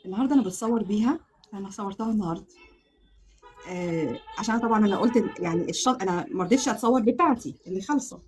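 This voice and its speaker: A woman with an Egyptian Arabic accent hosting a crochet giveaway live stream, excitable and laughing often, repeating oaths as she chats. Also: mid-range voice, racing. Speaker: crochet channel host.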